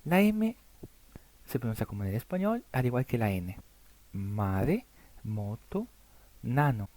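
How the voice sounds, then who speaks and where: A man whose first language is Italian, teaching Spanish speakers the Italian alphabet over slides. He spells out letters and example words slowly and carefully. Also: mid-range voice, very animated, warm tone, slight background noise. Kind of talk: slide-based alphabet lesson.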